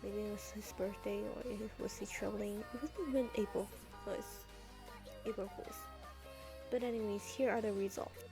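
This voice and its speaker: Over clear background music, a teenage girl talks through a drawing tutorial, rambling casually, restarting hesitantly and drifting into chatty side stories. Her mid-range voice is steady and moves at a normal speed.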